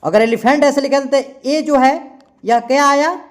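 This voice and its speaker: Teaching English grammar to a class, this man with a very high voice takes his time, repeating points, spelling out words letter by letter, and posing questions only to answer them himself.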